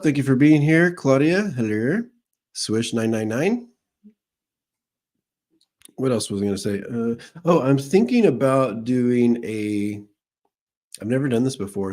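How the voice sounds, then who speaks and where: A man with a low, mellow voice hosts a relaxed live stream as a psychic medium. He talks in a loose, rambling way, greeting viewers by name and chatting before he takes questions. He speaks into a streaming microphone.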